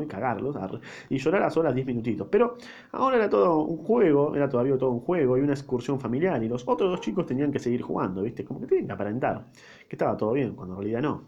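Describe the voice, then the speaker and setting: A man's voice: mid-range voice, darkish tone. A man with a Rioplatense accent reading a book aloud and breaking in with casual, slangy comments, in a slightly dull lo-fi recording. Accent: Rioplatense Spanish. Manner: informal slangy asides.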